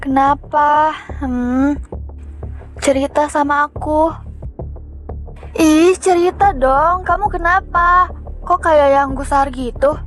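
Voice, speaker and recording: A clingy young girlfriend whose high voice turns whiny and demanding. Faint music plays behind her. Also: slow pace, pauses often. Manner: whiny, pleading.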